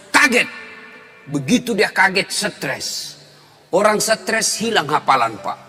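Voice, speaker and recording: A male preacher tells comic stories in an animated sermon and leaps to high shouts at the punchlines. His voice is bright and tense and sits a little high. Long reverb trails behind him, with faint music underneath. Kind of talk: humorous sermon storytelling.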